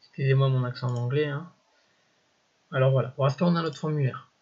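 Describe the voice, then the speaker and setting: A man giving a casual, think-aloud coding walkthrough over a screen recording, often pausing to correct himself and filling gaps with little interjections. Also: mid-range voice, a little mellow, muffled recording. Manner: thinks aloud, peppered with "voilà" and "hop"; self-correcting, halting phrasing. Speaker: coding tutorial instructor.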